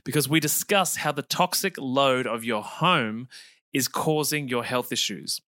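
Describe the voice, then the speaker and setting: A man hosting a health podcast, energetic and quick to laugh, introducing his guest in an upbeat way. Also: mid-range voice, no room sound. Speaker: podcast host.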